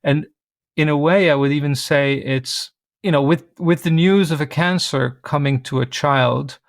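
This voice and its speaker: A man's voice: fairly high pitch, no echo, clean studio sound. Thoughtful man on a video call. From Switzerland. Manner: thoughtful, measured, with light self-deprecating humor. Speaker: guest, organizational consultant. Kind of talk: reflective interview talk.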